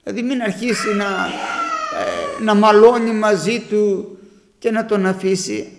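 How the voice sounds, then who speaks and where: A man preaching a sermon to his congregation, telling stories and raising his voice to a shout for emphasis. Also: high-pitched, sing-song, in a large hall, background noise. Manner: storytelling, rising to shouts for emphasis.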